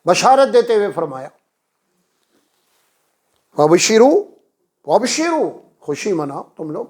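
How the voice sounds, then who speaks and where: High-voiced preacher man chanting verses. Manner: preaching with rising emphasis, chanting Arabic verses. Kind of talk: Quran lesson sermon.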